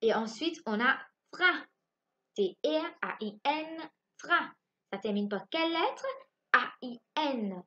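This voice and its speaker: A woman teaching a phonics lesson to young children from home. She spells out letters slowly and keeps asking the class if they follow. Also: high voice, expressive, fairly bright tone, muffled recording. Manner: slow, spelling out letters and asking checking questions. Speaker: primary school teacher.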